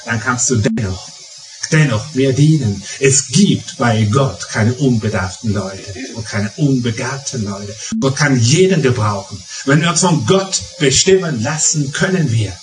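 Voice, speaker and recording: A man's voice: mid-range voice, lively intonation, a little slow. A middle-aged preacher with a Palatinate German accent delivers a story-driven sermon and leans on emphatic repetition. His voice sits in the middle of the range for a man. He is recorded from a distance in a reverberant hall with faint music underneath.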